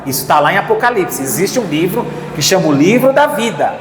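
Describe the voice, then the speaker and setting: A man's voice: high-pitched, big pitch swings, brisk, background noise. A man with a Brazilian accent preaching a sermon in an earnest way, often repeating key phrases and calling out to the congregation. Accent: Brazilian Portuguese. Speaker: pastor. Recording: echoey hall with faint ambience.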